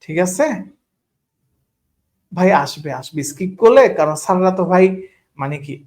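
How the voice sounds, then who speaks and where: At a normal speed, his high voice carries lively intonation and a darkish tone. He's teaching math in an online class, casual in manner, peppering his speech with English words and often checking that students understand.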